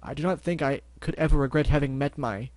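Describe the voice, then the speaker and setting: A man's voice: a little high, fast talker, darkish tone, dry recording, lightly acted. A man voicing a refined, dramatic female pony dressmaker in a storybook reading, flowery and theatrical, with a stuffy nose. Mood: placating. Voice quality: stuffy-nosed.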